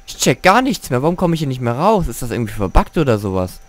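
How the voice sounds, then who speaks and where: A man talking his way through a video game at home in casual commentary. He is excitable, grumbles and swears when things go wrong, and chats to his viewers in between, his pitch sitting mid-range. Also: quick pace. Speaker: let's play gamer.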